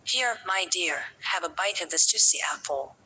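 A woman's voice: fairly low pitch, lively intonation, moderate pace, sharp tone, husky, heavily acted, poor audio. A woman storyteller voicing a jealous, scheming wicked queen in a fairy tale. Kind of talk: storybook character voice.

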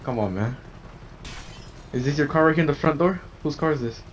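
A man's voice: on the high side, a little fast. A man playing a police negotiator in a game roleplay, coaxing and casual in tone. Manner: coaxing, casual street talk. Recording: dull lo-fi mic with faint noise.

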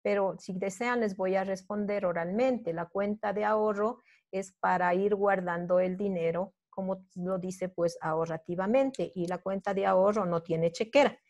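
A woman's voice: mid-range voice, normal speed, a little mellow. Patient woman teaching a class. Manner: patient step-by-step explaining, often checking in with students. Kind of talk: online class review.

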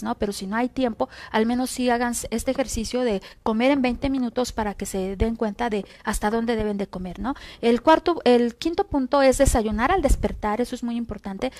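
A woman's voice: fairly high pitch, a little mellow. Mexican woman doctor explaining health tips. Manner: explanatory, lists numbered points, frequent tag questions. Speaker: doctor guest. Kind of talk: health advice interview on TV.

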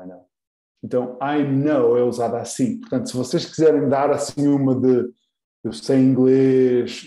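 A man with a European Portuguese accent leads a relaxed online language lesson, taking his time and repeating each example phrase with care. His voice is mellow and unhurried, and it rings a little in an echoey room. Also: mid-range voice. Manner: patient, repeats example phrases slowly and clearly. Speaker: English teacher.

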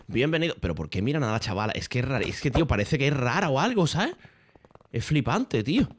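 A man's voice: medium pitch, very animated, fast, a little hiss or hum. A man with a Spain Spanish accent, streaming a game and chatting casually, crude, joking and rambling with lots of slang.

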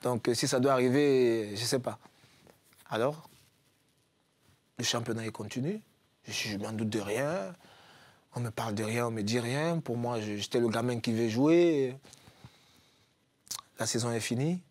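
A man's voice: mid-range voice, unhurried, pauses often, dry recording. A man from Cameroon, a guest footballer, telling anecdotes in a casual chat and acting out what his coaches said. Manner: animated anecdotes, acts out quoted coaches. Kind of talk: casual storytelling.

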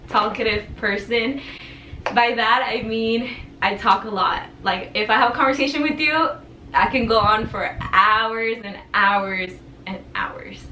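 A teenage vlogger chats away to camera in her tapestry-decorated bedroom, lively and full of gestures. She comes from El Paso, Texas, grew up in Juarez and speaks Spanish natively. Her voice sits on the high side with a sharp tone, and the echoey, distant-mic recording has a little hiss or hum.

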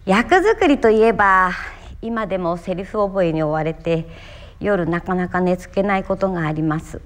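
A Japanese actress from Miyagi performing a one-woman stage monologue, telling her story theatrically with sudden leaps in pitch. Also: lively intonation, moderate pace.

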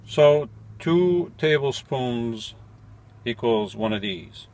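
A man in his forties who vlogs about van life chats to the camera while brewing coffee in his small, cluttered van at night. His mid-range voice is a little mellow with lively intonation, and he takes it slowly. He thinks aloud through the how-to, correcting himself and sounding mildly puzzled.

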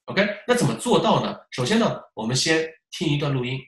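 A man teaching test preparation in a lecture style, animated, asking rhetorical questions and demonstrating examples aloud. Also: on the high side, fairly quick. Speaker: English test prep teacher. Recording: roomy echo.

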